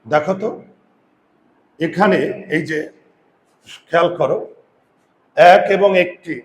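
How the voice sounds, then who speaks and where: A man teaching a grammar lesson who sounds out vowels slowly, repeats words and asks his students questions. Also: fairly high pitch. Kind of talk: classroom lesson.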